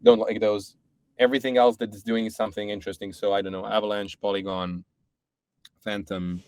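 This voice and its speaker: A man's voice: on the low side, level tone, brisk, clear, resonant tone, no echo. A man from Serbia, a podcast guest, talking in a casual, thoughtful way with many restarts. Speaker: podcast guest, startup co-founder. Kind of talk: casual chat.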